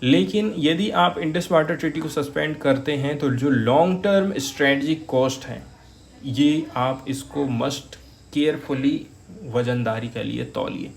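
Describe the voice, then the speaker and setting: A man's voice: on the high side, measured pace, creaky. A man giving an editorial analysis lecture for exam students, explaining each term with examples and addressing viewers as friends. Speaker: exam coaching teacher.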